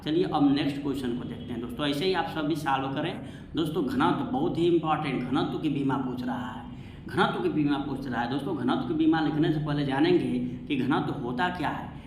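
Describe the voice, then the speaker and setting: Speaking fairly quickly in a slightly high voice, this man runs a science lesson geared to exam prep. He says things more than once and answers his own questions, recorded in an echoey space with faint noise behind him.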